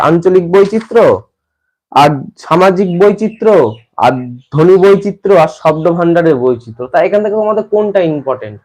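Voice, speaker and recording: Higher-voiced man teaching a class. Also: a little mellow, low-quality recording. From West Bengal. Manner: repeats phrases and restarts while explaining. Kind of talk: exam-prep lesson to students.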